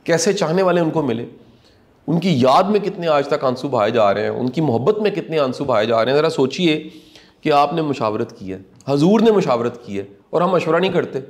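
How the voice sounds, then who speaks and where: A man's voice: a little high, expressive. A middle-aged man giving a motivational talk in an earnest, preacherly way, repeating key lines for emphasis. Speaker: motivational speaker. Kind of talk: reflective commentary talk.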